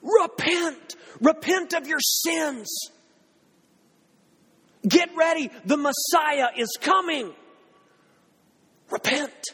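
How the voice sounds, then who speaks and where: A man's voice: very high voice, very slow, long pauses, voice pushed up, heavily acted. A man voicing a fiery male desert prophet who cries out urgently. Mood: fervent. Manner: shouting urgently. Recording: reverberant hall.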